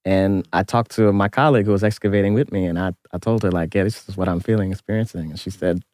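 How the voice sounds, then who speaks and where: A man's voice: low-pitched, steady tone, quick pace, a little mellow, no room sound. A man, an archaeologist interviewing a guest, telling a personal story in an earnest, reflective way.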